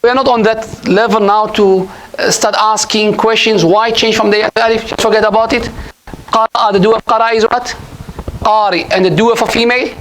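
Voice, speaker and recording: A man's voice: sits high, fairly even intonation, fairly quick, fairly bright tone, a little hiss or hum, rough recording. A man teaching an Arabic grammar class at a mosque, patient and repetitive, often quizzing his students. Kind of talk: classroom lesson.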